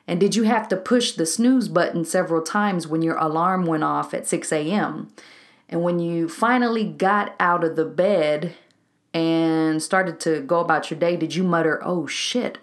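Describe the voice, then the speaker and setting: Low-voiced chatty woman coach. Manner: chatty and candid, laughs at herself. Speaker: life coach and podcast host. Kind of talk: casual solo podcast talk.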